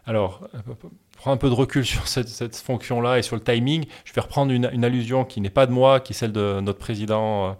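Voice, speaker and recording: In his interview, this wealth management advisor explains things carefully and pauses frequently in hesitation. His voice is mid-range and darkish, with fairly even intonation.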